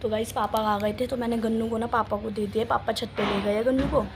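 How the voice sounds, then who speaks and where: A woman's voice: a little high, fairly even intonation, fairly quick, heavy background noise. A young woman chatting casually to her viewers in a home vlog, talking about chores and her day. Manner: chatty, talks to viewers as guys. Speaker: vlogger.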